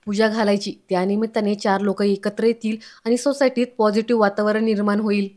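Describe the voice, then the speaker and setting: A man's voice: high voice, flat delivery, fairly quick, a little mellow, natural voice. A woman voicing a sly, scheming middle-aged man from the housing society, talking in a persuasive way.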